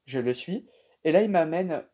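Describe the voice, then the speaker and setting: A young man with a French accent casually telling viewers about a dream, animated and chatty with many fillers. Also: fairly high pitch, normal speed, slightly rough. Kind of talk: casual storytelling to camera.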